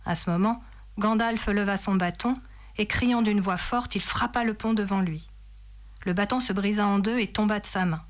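Woman reading a novel dramatically. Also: medium pitch. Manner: dramatic, measured storytelling. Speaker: reader. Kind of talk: expressive reading of a novel passage.

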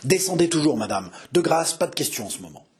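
A man's voice: a little high, sing-song, fast talker, darkish tone, breathy edge, heavily acted. A man reading an audiobook voices a bold, swaggering nobleman swordsman, commanding and mocking. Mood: urgent. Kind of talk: audiobook character voice.

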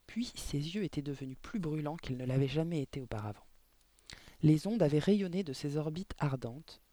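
A man reading a children's novel aloud in a measured way, adding short explanatory asides. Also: a little high, mellow, no room sound. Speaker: audiobook narrator.

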